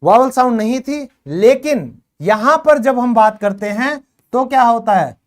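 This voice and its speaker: A woman teaching English in a video lesson, quizzing her learners and urging quick answers, repeating each word slowly for drill. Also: on the high side, lively intonation. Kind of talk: classroom-style video lesson.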